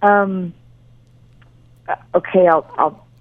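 A woman's voice: fairly low pitch, fairly even intonation, slow, dry recording. A woman answering a phone call, speaking hesitantly over slightly dull phone audio. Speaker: call recipient.

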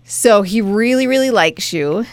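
This is a woman co-hosting a morning radio show in casual banter. She is bubbly and quick to agree, and her pitch rises and falls a lot. The studio sound is close and dry. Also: expressive, no echo.

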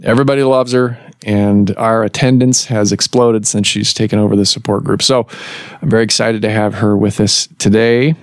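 A man hosting a medical podcast, explaining things in a measured way with pauses and restarts. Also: lowish voice, steady tone, no echo, studio quality. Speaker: podcast host and surgeon. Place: office recording room.

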